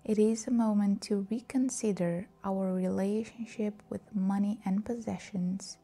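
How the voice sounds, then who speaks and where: A woman guides a scripted meditation in a soft, breathy voice of medium pitch that sounds soothing and calm.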